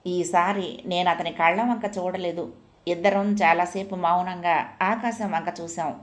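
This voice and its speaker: A woman narrating a family story as an audiobook, in a soft, reflective first-person telling. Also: fairly low pitch, steady tone, a little slow.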